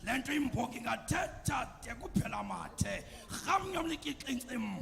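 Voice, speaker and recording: A man performing praise poetry at a ceremony, declaiming in a shouted, chanting delivery. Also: very high-pitched, sing-song, moderate pace, vocal fry. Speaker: praise poet. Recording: long hall reverb, faint music.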